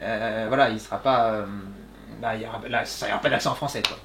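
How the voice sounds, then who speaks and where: A man in his thirties, a voice actor answering audience questions in a relaxed, chatty way, laughing often and filling pauses with "euh". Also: fairly low pitch, gravelly, slight background noise. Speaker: voice actor guest. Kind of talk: casual Q&A talk. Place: small workshop room with audience.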